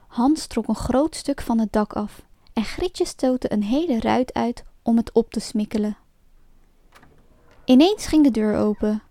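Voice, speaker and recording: Woman storyteller with a fairly high voice, reading a fairy tale aloud, lively and expressive. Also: measured pace, no room sound. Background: faint music.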